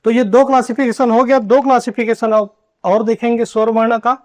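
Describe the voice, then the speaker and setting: A man teaching a grammar lesson at a board, asking questions and answering them himself, and drawing out key terms slowly. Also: extremely high pitch, level tone, darkish tone. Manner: asks and answers his own questions. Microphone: writing on a board while teaching.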